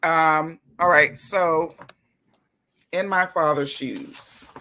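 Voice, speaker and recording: A woman hosting a live interview show, talking in an emphatic, lively way with churchy turns of phrase. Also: sits low, very slow, slight background noise. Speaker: host.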